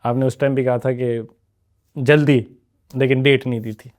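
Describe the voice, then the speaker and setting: A man's voice: medium pitch, little pitch movement, a little mellow. A man hosting a podcast interview, asking probing questions and mixing in English words. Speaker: podcast host.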